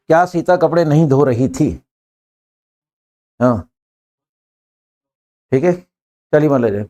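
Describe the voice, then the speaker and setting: An older man teaching an English class in a classroom, brisk and joking, pushing students to answer quickly. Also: fairly high pitch, darkish tone.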